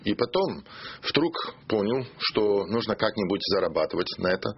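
This is a low-voiced, husky Australian man, an ambassador sitting in as a studio guest. Expressive yet hesitant, he stops to hunt for words while giving interview answers in a language that isn't his first. The radio studio audio is muffled.

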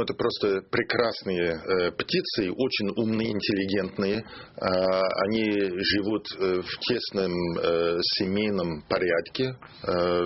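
Speaking in a second language, a hesitant Australian ambassador with a low voice answers interview questions as a studio guest, often pausing to find the right word. The radio studio recording is muffled and carries a little hiss or hum.

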